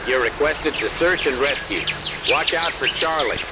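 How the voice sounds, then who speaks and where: A man's voice: fairly high pitch, moderate pace. An actor playing a male base radio operator in a war game, heard over a military field radio with clipped, formal radio procedure. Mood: steady. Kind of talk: war game cutscene dialogue. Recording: loud static over a radio link.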